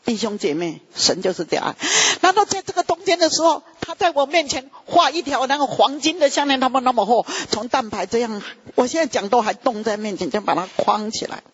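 A man preaching an emotional testimony sermon, his pitch jumping high as he tells it. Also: animated, brisk, hardly any pauses, fairly bright tone, husky. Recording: dull lo-fi recording.

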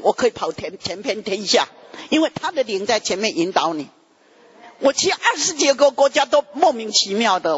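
A man preaching an emotional testimony sermon, his pitch jumping high as he tells it. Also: a bit bright, breathy edge. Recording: dull lo-fi recording.

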